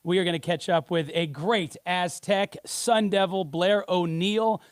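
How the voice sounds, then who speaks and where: A man hosting a golf talk show, chatting casually and quickly with fillers, running through the week's storylines. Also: sits high, steady tone, smooth, no echo, studio quality. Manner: quick, conversational, lots of "you know".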